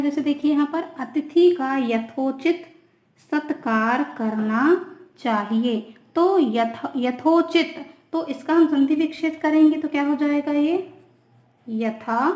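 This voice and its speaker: A woman's voice: sits high, echoey room, low-quality recording. A woman teacher giving an online grammar lesson. She repeats words patiently and checks in with her students, mixing English words into Hindi. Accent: mixes English words into Hindi. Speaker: school teacher.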